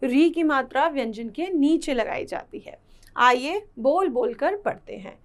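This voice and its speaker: A woman teaching a children's Hindi phonics lesson, sounding out syllables slowly and repeating each word in her greeting. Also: sits high, expressive.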